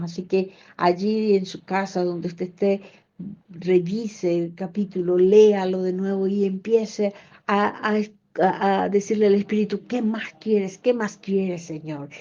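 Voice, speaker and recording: Slow, fervent woman preacher, lo-fi. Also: on the low side, warm tone. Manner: fervent, repetitive, slips into tongues and speaks as God. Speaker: preacher leading a fast. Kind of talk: prayer and prophetic preaching. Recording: dull lo-fi sound.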